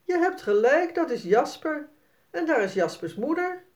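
A woman voicing a cheerful young mother in a storybook, speaking in a bright, encouraging way. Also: high-pitched, big pitch swings, moderate pace, voice pushed up.

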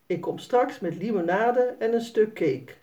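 Lady doing a playful mom telling the kids what to do, soft mellow voice. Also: mid-range voice, measured pace, recorded from a distance, lo-fi sound, natural voice. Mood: caring. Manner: gently bossy, teasing. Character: caring, playful mother of a young girl.

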